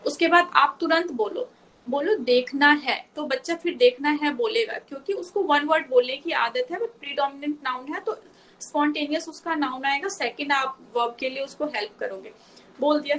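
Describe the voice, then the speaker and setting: A woman's voice: high-pitched, fairly bright tone, low-quality recording. A woman speech therapist in a live online session, patiently explaining step by step to parents and mixing in English terms.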